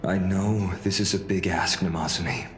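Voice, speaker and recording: A man's voice: low voice, steady tone, normal speed. A young man voicing a game character, joking and easygoing with a friend. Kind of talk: game cutscene voice acting. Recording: roomy with long reverb, faint music.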